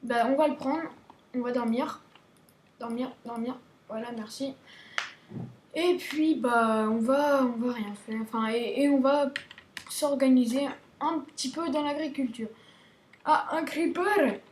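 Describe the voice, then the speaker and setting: A woman's voice: high-pitched, a little slow. A woman hosting a casual game tutorial, chatty and playful, stumbling over restarts as she talks to her viewers. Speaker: gaming video host. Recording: roomy echo, faint background hiss.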